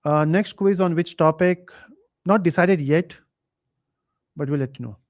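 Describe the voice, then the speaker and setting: A man hosting a live online quiz, reading chat comments aloud and thinking out loud with fillers. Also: on the high side, unhurried. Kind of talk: casual live stream chat.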